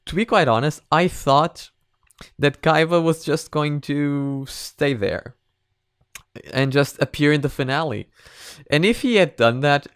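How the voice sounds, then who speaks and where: This is a man with a voice on the high side, giving casual, off-the-cuff reactions to an animated parody series as a video reviewer. He speaks hesitantly and tends to ramble and repeat himself. The recording is dry and studio quality.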